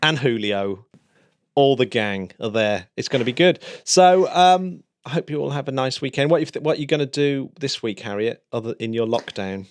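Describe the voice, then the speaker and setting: A man's voice: mid-range voice, animated, moderate pace. A man hosting a podcast, chatting in an upbeat, casual way and laughing easily. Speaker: podcast host. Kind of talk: casual chat.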